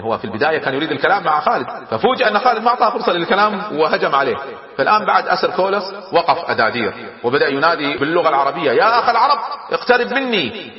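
Fast dramatic storyteller guy, chuckles a lot, echoey muffled hall. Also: medium pitch. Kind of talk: animated historical storytelling. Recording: echoey hall, dull lo-fi sound.

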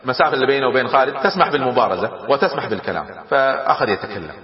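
Fast-talking man telling an old story, echoey. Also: mid-range voice, a crowd in the background. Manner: lively, dramatic, chuckling. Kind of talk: animated historical storytelling. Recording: echoey hall, dull lo-fi sound.

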